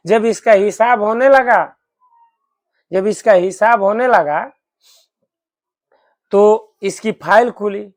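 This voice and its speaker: Slow male preacher, folksy story sermon, repeats himself, unhurried. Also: sits high. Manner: folksy, unhurried, repetitive retelling. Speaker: devotional storyteller. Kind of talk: Hindi devotional story sermon.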